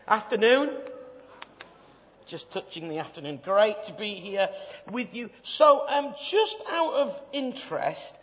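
High-voiced Bradford man preaching in an echoey hall. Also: a bit bright. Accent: Bradford, West Yorkshire. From Bradford, England. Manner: chatty, jokey, uses rhetorical tag questions. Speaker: evangelist, guest preacher. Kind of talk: informal humorous sermon to a live audience. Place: large reverberant hall, speaking to an audience. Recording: echoey hall PA, slightly dull.

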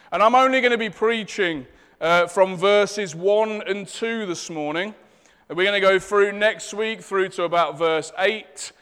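A man with a Leicester accent preaching a church sermon in deliberate, emphatic phrases. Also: high voice, a bit bright, clean tone. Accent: Leicester, English East Midlands. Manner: deliberate, emphatic phrasing, seeking amens from listeners. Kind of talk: church sermon with scripture reading and prayer. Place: large echoing room, church service. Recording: reverberant hall sound.

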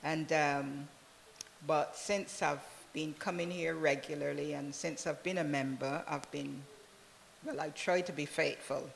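A woman from Barbados, a church member, giving a soft, unhurried testimony in an interview. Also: low-pitched, steady tone, creaky, in a large hall, a little hiss or hum. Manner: soft-spoken, unhurried, many "really"s.

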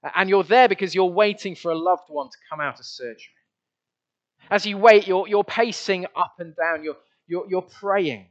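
A man's voice: high-pitched, normal speed, lo-fi sound. A man preaching a conversational, earnest sermon to his church. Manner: earnest, conversational, with many restarts. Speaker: pastor.

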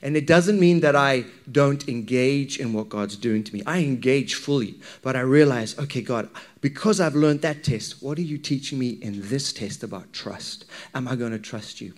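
A man with a Zimbabwean accent preaches a sermon to a congregation, speaking at medium pitch and a normal pace. His style is conversational, drawing listeners in with questions and anecdotes.

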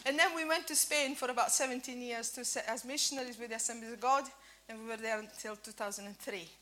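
She talks fast in a slightly high, bright voice with a forceful tone and fairly even intonation. In her fifties and originally from Italy, she speaks with a native Italian accent flecked with Scottish, giving an off-the-cuff church breakfast sermon packed with fillers and false starts.

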